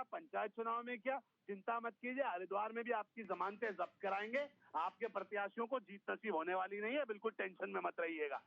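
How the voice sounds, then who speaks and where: A man's voice: very high-pitched, creaky, muffled recording. A man speaking as a party spokesman in a heated TV debate, mocking and taunting his rivals with folk sayings.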